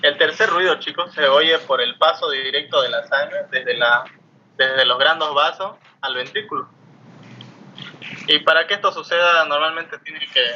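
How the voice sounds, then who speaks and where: Bright-voiced man teaching a class. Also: on the high side. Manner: explanatory, asks students questions, frequent tag "¿no?". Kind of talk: online class lecture. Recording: muffled lo-fi mic with faint noise.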